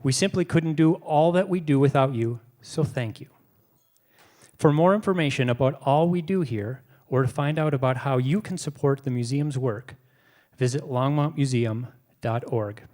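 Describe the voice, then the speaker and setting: Man, museum host, scripted introduction, measured formal delivery, mid-pitched voice. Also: darkish tone. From United States. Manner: measured, formal announcer reading.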